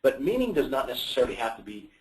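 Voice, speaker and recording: A man's voice: medium pitch, very animated, racing. A man giving a conversational conference presentation to an audience. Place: presentation hall. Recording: roomy, from far off.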